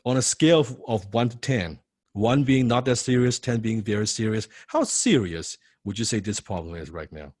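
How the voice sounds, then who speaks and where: A man teaching a sales training class, lively and full of rhetorical questions, acting out what prospects say. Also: on the low side, normal speed, no room sound, clean studio sound. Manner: animated, acts out prospect replies, rhetorical questions. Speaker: sales coach.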